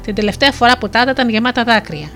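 A shy, well-mannered young fisherman in a storybook, as a woman narrator reads him. He speaks softly and politely. Quiet music sits faintly behind. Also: on the high side, animated. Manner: soft-spoken and courteous.

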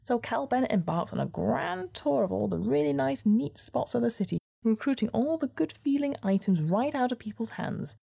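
A woman's voice: on the high side, animated, normal speed, vocal fry, few pauses, dark tone, breathy edge, no room sound, voice pushed up, exaggerated voice. A woman voicing a sarcastic, endlessly grumbling weasel in a storybook adventure, ranting in weaselly mock politeness. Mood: sardonic grumbling. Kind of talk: storytelling character voice.

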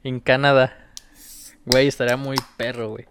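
A man's voice: mid-range voice, little pitch movement, moderate pace, fairly bright tone, a little hiss or hum. A man with a Mexican accent, co-hosting a casual podcast chat, slangy and full of swearing. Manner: slangy, swears a lot, says güey constantly. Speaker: podcast co-host.

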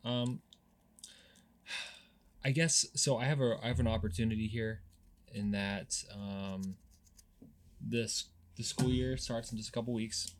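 A man's voice: lowish voice, fairly even intonation, unhurried, long pauses. A young man co-hosting a podcast and chatting casually as a teacher, meandering and hesitant, with many fillers and restarts. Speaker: podcast co-host, high school teacher.

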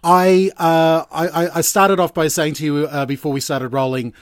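An Australian man in his forties with a fairly high voice chats casually as a guest. He talks in a halting, self-interrupting way, recorded with very little room sound. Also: level tone, no room sound, clean studio sound. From Queensland, Australia. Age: 40s. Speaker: podcast guest, radio DJ. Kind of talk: casual chat.

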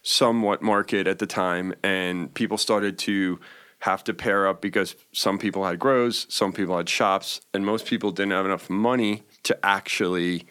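A man's voice: deep voice, steady tone, moderate pace, fairly bright tone, clear, resonant tone. A man in his forties telling his story as an interview guest, rambling with fillers and restarts. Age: 40s. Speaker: interview guest, cannabis business owner.

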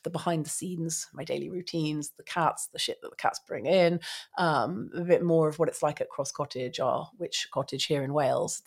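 A woman speaks in a low-pitched voice that sounds nasal and congested with allergies. She chats candidly and directly to her audience, opinionated and unafraid to swear. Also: darkish tone. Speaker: psychic reader and host. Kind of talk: personal update to followers, candid chat.

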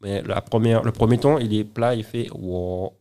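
A man's voice: mid-range voice, little pitch movement, moderate pace, warm tone. A man speaking as an interview guest in casual conversation, often stumbling over and repeating words as he explains. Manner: hesitant, many repeated words and restarts.

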